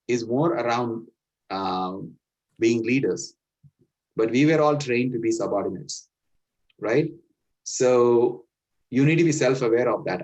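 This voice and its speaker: Heard on a dull, lo-fi recording, a middle-aged Indian man with a slightly mellow mid-range voice delivers a motivational talk about careers. He speaks English with an Indian accent, his first language being an Indian one, and his earnest, instructive points are sprinkled with "right?".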